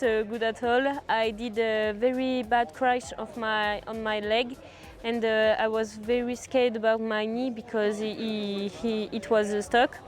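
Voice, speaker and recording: A non-native English-speaking woman giving a casual racer interview, halting with many hesitations. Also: a little high. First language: not English.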